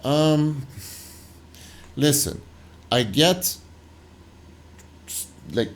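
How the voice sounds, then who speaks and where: A man hosting a reaction video, talking loosely and haltingly over footage he is watching. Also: a little high, expressive. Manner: loose, halting, full of "like" and restarts. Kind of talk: casual commentary over footage.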